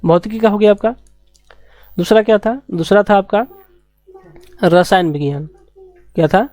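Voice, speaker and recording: Dark-voiced woman teaching a science class. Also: medium pitch, no room sound. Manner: repeats key terms slowly, asks rhetorical questions. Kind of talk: classroom lecture.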